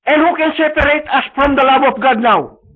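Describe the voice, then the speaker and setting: A man's voice: very high voice, normal speed. A man preaching a sermon in an earnest, fervent way, often restarting his words, heard through tinny live-stream audio.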